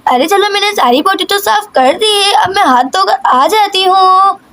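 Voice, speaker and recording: A woman's voice: extremely high pitch, lively intonation, moderate pace, a bit bright, full character voice. A woman voicing a scolding village mother in a cartoon.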